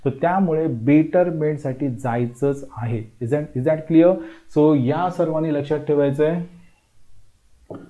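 A man in his thirties with a dark voice on the high side speaks slowly as an admissions counsellor, lecturing on admission steps at an indoor whiteboard. Emphatic and reassuring, he mixes Marathi with English and keeps checking in with "okay." The lapel-mic sound is lo-fi.

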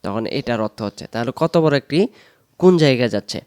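A man with a Bangladeshi accent teaching religious pronunciation, explaining quickly and then chanting Arabic words slowly and drawn out. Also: medium pitch, lively intonation, a little mellow, clear, resonant tone, no echo, clean studio sound. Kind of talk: recitation lesson.

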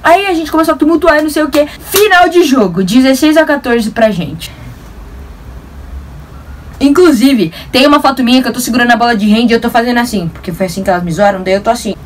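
Fast-talking, animated young woman vlogger. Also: fairly high pitch, far from the mic, slight background noise. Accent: São Paulo Brazilian. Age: young adult. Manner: animated, slangy, self-mocking storyteller. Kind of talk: casual storytelling to camera.

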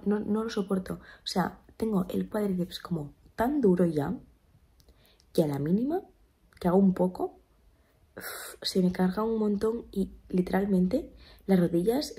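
Young woman vlogger, sleepy, chatty storyteller, dark fry-tinged tone. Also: on the low side. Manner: chatty, animated storytelling, slips into whispers. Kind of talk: casual vlog chat to camera.

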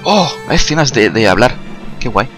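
A young man with a Spanish accent commentating his own game playthrough, joking and breaking into loud excited whoops. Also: medium pitch, moderate pace. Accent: Spain. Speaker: gaming video creator. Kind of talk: let's play commentary. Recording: game music playing loudly. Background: game music and sound effects.

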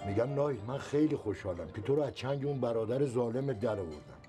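An actor playing a touchy, boastful middle-aged father who grumbles and takes offence quickly, in a comedy film. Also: medium pitch, lively intonation, over music, natural voice. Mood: teasing. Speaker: father of the household.

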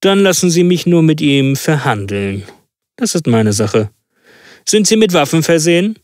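A man voicing a calm, precise detective in a storybook reading, giving instructions. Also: a little high, normal speed, no echo, clean studio sound, pitched above the performer's own voice. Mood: instructing. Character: calm, commanding male detective.

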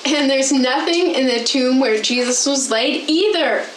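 A chipper talk show host with a high voice, speaking in a bright presenter's manner and growing earnest when she explains, played by a young woman. She is recorded through a camera mic on a small indoor set, with room echo and a faint hiss behind. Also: unhurried. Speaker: host in a skit. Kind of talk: church skit acting.

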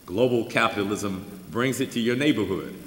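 Older male keynote speaker reading his essay, even and wry, in a reverberant church hall. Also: on the low side. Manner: measured reading with dry asides and chuckles. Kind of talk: reading a personal essay aloud. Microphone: stand mic at a lectern. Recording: roomy hall with long reverb.

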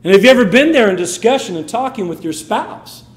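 A man's voice: high voice, expressive, brisk, echoey room. A man preaching a sermon with emphatic, swinging delivery. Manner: emphatic, rising and falling delivery.

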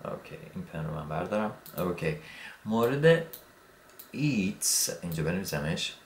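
A man teaches an English grammar lesson in a relaxed, repetitive way, stopping often to say okay as he writes on a board. His voice sits fairly low. The room is echoey around him. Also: creaky, a little hiss or hum. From Iran. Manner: relaxed, repeats words, says "okay" often. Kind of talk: explaining grammar at a whiteboard.

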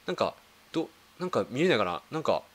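A video creator with a medium-pitched voice talks quickly with big pitch swings. He makes casual reaction commentary while browsing videos, thinking aloud with lots of fillers and questions to himself.

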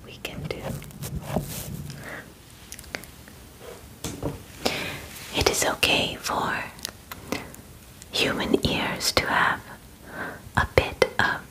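Whispering softly into a close ASMR mic, a young woman plays a gentle alien examiner in a personal attention roleplay on an indoor bedroom set. Her phrasing is slow, formal and soothing, with a calm, focused clinical manner. The audio quality is poor.

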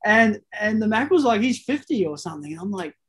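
A man in his forties, a guest on a video call, telling stories in a laid-back, halting way. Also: high-pitched, sing-song, fairly bright tone, breathy edge. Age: 40s. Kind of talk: casual interview chat.

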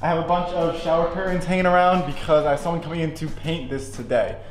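A man's voice: fairly high pitch, steady tone, fast talker. A young man in his twenties, chatting upbeat and self-deprecating in a casual behind-the-scenes vlog. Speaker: video creator and host. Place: basement set, indoors. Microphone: handheld camera at arm's length and seated interview. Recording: echoey basement room with faint music.

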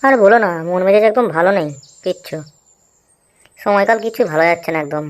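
A woman's voice: medium pitch, quick pace, natural voice. A woman voicing a grumpy, short-tempered male customer at a tea stall in a comic cartoon. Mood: grumbling.

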